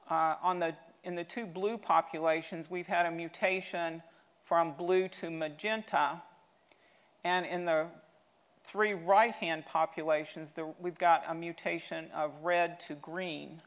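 A woman museum curator giving a steady, explanatory slide lecture, with an occasional restart. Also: on the low side.

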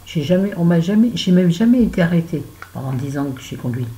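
A woman's voice: lowish voice, animated, brisk, dark tone, low-quality recording. A middle-aged woman vlogging while she does her make-up, chatting and telling a story with exasperated asides. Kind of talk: casual chit-chat while doing make-up.

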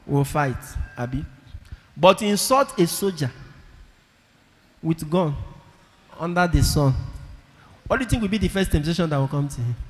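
Man, priest preaching, slightly high voice, long church reverb, emphatic repetitions. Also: lively intonation, normal speed, long pauses. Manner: emphatic, repeats key phrases, calls for audience responses. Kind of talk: sermon. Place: large church with congregation. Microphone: handheld microphone.

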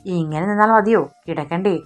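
A woman voicing a gentle, caring young husband in a romance audiobook, speaking softly and calmly. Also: lowish voice, a little fast, faint music behind, close to an everyday voice. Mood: tender. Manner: soft, calm and protective.

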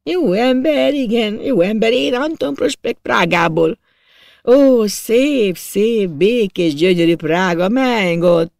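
A man's voice: high voice, lively intonation, creaky, darkish tone, no echo, clean studio sound, voice pushed up. Man doing a plaintive timid imperial official. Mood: lamenting. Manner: plaintive, wistful lamenting. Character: timid, self-pitying male imperial official from Prague.

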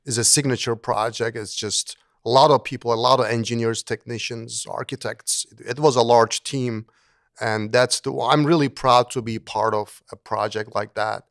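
A middle-aged engineering professor from Turkey speaks earnestly as a guest in a conversational interview, often restarting and repeating words. His medium-pitched voice is steady, a bit bright, and moderately paced, captured in a dry, studio-quality recording.

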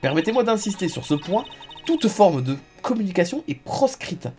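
A woman's voice: medium pitch, very animated, mellow, soft background music, voice pushed up, close to an everyday voice. A woman doing a haughty, stern older medium. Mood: cold. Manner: formal, cold, measured. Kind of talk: reading game dialogue aloud.

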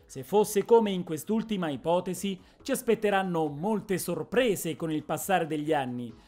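A woman narrating a fantasy story in a measured, expressive reading style. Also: fairly low pitch, soft background music. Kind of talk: dramatic audiobook narration.

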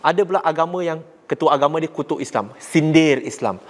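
A man with a Malaysian accent preaching to young people, blunt and forceful, mixing languages and rising sharply to drive points home. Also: a little high, a little fast. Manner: rises sharply when making a point. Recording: long hall reverb.

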